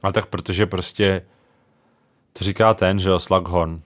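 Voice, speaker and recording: A man's voice: sits low, flat delivery, dry recording. A young man co-hosting a casual book chat, thinking aloud with small hesitations. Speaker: podcast co-host.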